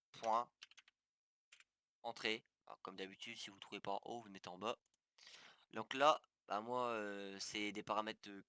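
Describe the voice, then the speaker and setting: A man in a casual screen-recorded tutorial, pausing and restarting as he clicks through menus. His voice sits low but sounds bright and forceful. The recording is dry and close, with no room sound. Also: clean tone, dry recording. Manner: hesitant, many fillers and restarts; talks viewers through steps on screen. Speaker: gaming tutorial youtuber.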